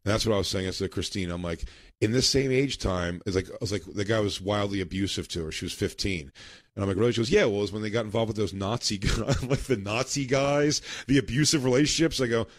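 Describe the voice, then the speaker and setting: A man's voice: fairly low pitch, fast, dry recording, studio quality. A man co-hosting a podcast in casual chat, a telling rambling stories and laughing mid-sentence. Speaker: podcast co-host.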